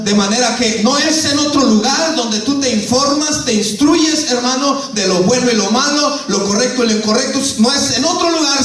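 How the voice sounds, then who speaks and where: High-voiced male pastor preaching in echo. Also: a bit bright. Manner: preaching, keeps calling the listener "hermano"; asks the congregation questions and acts out quoted voices. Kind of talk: sermon. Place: church. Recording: echoey church hall, mic far off.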